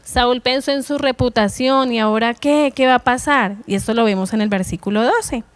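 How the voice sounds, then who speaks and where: High, smooth-voiced woman preacher. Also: normal speed, no room sound. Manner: earnest, exhorting young listeners with repeated phrases. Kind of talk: sermon.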